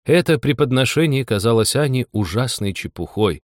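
A man reading a children's storybook aloud in an expressive, animated way. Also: mid-range voice, moderate pace, no echo, studio quality. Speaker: audiobook reader. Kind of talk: storybook narration.

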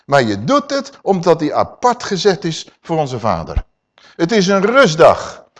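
A man preaching a sermon to a congregation, animated and full of rhetorical questions. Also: on the high side, measured pace, dull audio.

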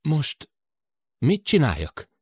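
A man's voice: mid-range voice, very animated, a little mellow, breathy edge, no room sound, studio quality, voice pushed up. A man voicing a tired, irritable young male crewman who speaks curtly and tensely. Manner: tense, curt and quick-tempered.

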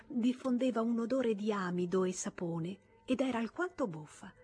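A woman reading a classic novel aloud as an audiobook narrator, in a measured, even storytelling manner. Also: medium pitch. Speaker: audiobook reader.

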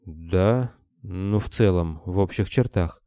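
A man voicing a worried, wary bearded man who talks anxiously and gets excitable. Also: sits low, slow pace, no room sound, studio quality.

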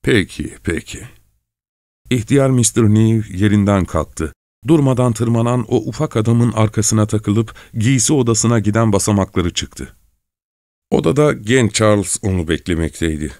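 Low-voiced man reading a story. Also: normal speed, darkish tone, no echo, studio quality. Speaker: audiobook narrator. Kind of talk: scripted literary narration.

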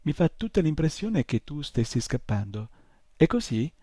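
A man's voice: fairly high pitch, sing-song, normal speed, mellow, breathy edge, no room sound, studio quality, voice pushed up. A man reading aloud and voicing a grumpy, sarcastic old male bookseller in an audiobook. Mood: suspicious. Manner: grumbling, sarcastic.

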